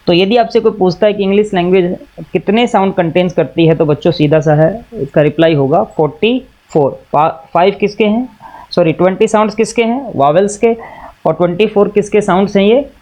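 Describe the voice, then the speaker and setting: A man's voice: high-pitched, darkish tone, highs cut off. A male teacher with an Indian accent explaining a lesson, asking questions and answering them himself, mixing Hindi and English. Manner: repeats and recaps patiently. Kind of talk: classroom lesson.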